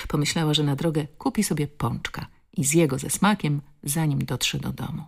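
A woman narrating an audiobook in a measured storytelling manner. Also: sits low, gravelly, a little mellow, breathy edge.

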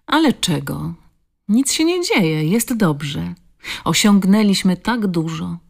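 A loving, bewildered husband in a spoken story, voiced by a woman narrator. He talks earnestly, his pitch climbing as he reassures, over a low gravelly base. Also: big pitch swings, slow, heavily acted. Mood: reassuring.

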